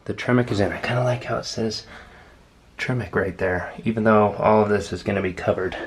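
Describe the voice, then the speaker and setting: Wrenching on a project car, a man with a deep, low voice talks briskly and eagerly to the camera, hosting his casual garage build channel. Because he keeps moving, his voice drifts to and from the camera mic, set against an echoey room and slight background noise.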